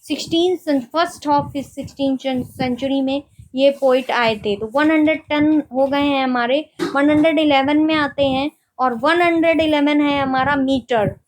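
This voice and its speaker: A woman with a high voice teaches literary terms for an exam at an unhurried pace. She reads each definition slowly, then goes over it again with quick questions. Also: steady tone, slight background noise, rough recording. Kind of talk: exam-prep lecture in Hindi and English.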